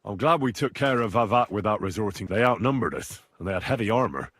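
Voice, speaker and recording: A deferential young knight in a medieval game, husky voice, really lively pitch, dry sound. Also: male voice, fast, no echo. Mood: respectful, relieved. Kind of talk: video game dialogue acting.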